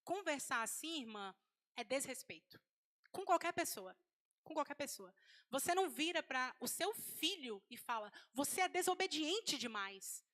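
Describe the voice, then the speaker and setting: A woman preaching to a women's gathering in a high, bright voice. She talks plainly and conversationally, slipping into little acted-out quotes to make her points. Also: big pitch swings, moderate pace. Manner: conversational, acts out quoted speech. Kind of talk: sermon to women.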